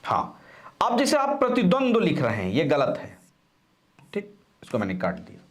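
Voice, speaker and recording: A man teaching spelling for exams, repeating each word slowly and stressing key syllables, with frequent reminders to pay attention. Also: fairly high pitch. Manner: animated, coaching tone with frequent reminders. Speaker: Hindi grammar teacher. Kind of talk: exam-prep spelling lesson.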